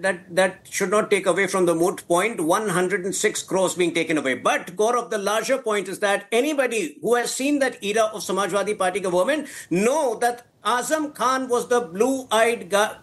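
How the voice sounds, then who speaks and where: A man with an Indian accent speaking as a political spokesperson in a live debate, argumentative and somewhat halting. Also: sits high, a bit bright.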